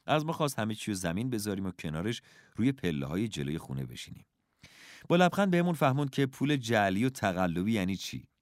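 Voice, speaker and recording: Low-voiced man narrating a story. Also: very animated, dry recording, clean studio sound. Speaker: audiobook narrator. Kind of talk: first-person storybook narration.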